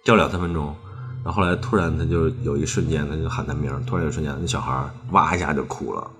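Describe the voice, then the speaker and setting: A man with a very low, deep voice recounts an eerie story in a loose, rambling way. He keeps chaining his sentences with "then" and circling back over the same phrases. Faint music plays softly behind him. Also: steady tone, quick pace. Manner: rambling, strings clauses with "then" and repeats phrases. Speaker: storyteller on a ghost-story podcast. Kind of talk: casual chat storytelling.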